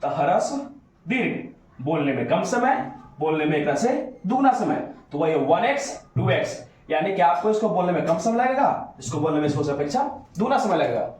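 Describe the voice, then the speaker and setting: A man's voice: fairly high pitch, big pitch swings, normal speed, darkish tone. A male teacher giving a grammar lesson, stretching vowel sounds out to demonstrate them and coaxing his students with questions. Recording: very echoey room.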